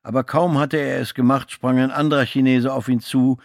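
A man reading a novel aloud as scripted audiobook narration, giving the characters' lines small shifts in pitch. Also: little pitch movement, a little fast, no room sound, clean studio sound.

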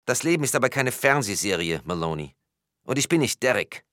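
A man voicing a naive, chatty male police officer who rambles with lively rising questions, in a read-aloud crime story. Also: medium pitch, fairly quick, no echo, clean studio sound, pitched above the performer's own voice. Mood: wistful.

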